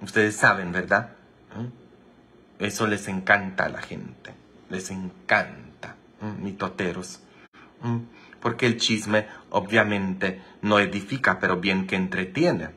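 A man's voice: deep voice, takes it slowly, sharp tone, slight background noise. A priest telling jokes on a livestream, teasing and quizzing his viewers. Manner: teasing, chatty, asks viewers many questions. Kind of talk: joke-telling livestream chat.

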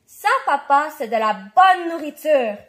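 A woman voicing a bold, mischievous little girl in a storybook, with excited exclamations. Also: sits high, measured pace.

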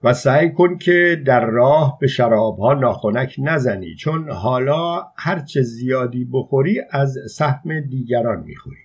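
A man voicing a thrifty, stern old peasant woman in her seventies, speaking in a measured, firm tone. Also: expressive, slightly rough. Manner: measured, firm, low-voiced.

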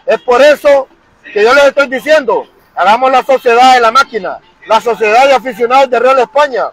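A man's voice: very high-pitched, brisk, a bit bright, low-quality recording. A man with a Honduran accent ranting as a football fan vlogger, fired-up and crude, repeating himself. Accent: Honduran Spanish. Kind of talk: angry fan rant to camera.

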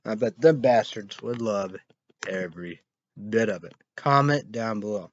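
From a small, dim room, a man in his thirties with a lowish voice reads weather and news headlines on his rambling solo show. He goes haltingly, spelling things out and repeating phrases, with occasional loud outbursts. There's no echo, and the dull, lo-fi audio comes from a webcam or laptop mic at arm's length.

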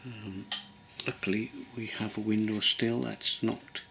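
A middle-aged English man giving a relaxed modelling tutorial at his workbench, thinking aloud with many pauses and ums. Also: lowish voice, creaky, noisy background. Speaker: model railway builder. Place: workbench at home.

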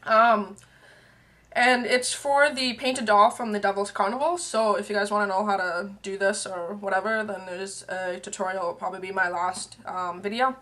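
Her voice is medium in pitch, fairly even, moderately paced and a bit bright, though it's growing tired and faint. The young woman, a Canadian vlogger covering beauty and tea, talks into an arm's-length webcam from a small room, wandering off with fillers and side comments.

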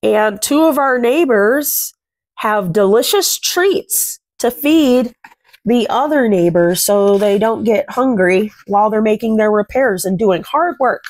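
Fairly high in pitch, a little mellow, expressive and unhurried, her voice comes through with no room sound. She's a young woman who hosts children's read-alouds, sharing a picture book from a small room at home with sing-song phrasing and chatter.

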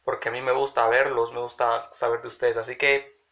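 Talking briskly into a phone camera at arm's length, a young man in his early twenties vlogs casually from a small room at home while congested with a cold. His mid-range voice barely moves in pitch and has a fairly bright tone, and he rambles chattily to viewers over dull lo-fi audio.

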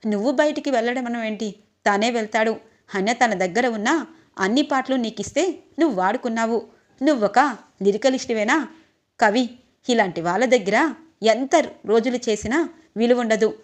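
Brief: woman narrator voicing a feisty young wife, fairly high voice. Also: normal speed, long pauses, lightly acted. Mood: defiant. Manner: defiant. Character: spirited young wife defending her husband.

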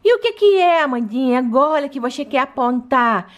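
A woman's voice: high-pitched, lively intonation, normal speed. A woman doing an exasperated sister doll. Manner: scolding, exasperated. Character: bossy older sister doll girl, exasperated.

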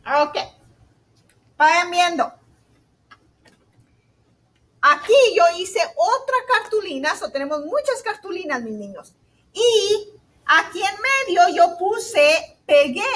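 A woman teacher giving a remote lesson to young children, slow, sweet and encouraging, asking "ok?" often and mixing in English words. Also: sits high, animated, fairly bright tone. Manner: mixes in English words like "so" and "all right".

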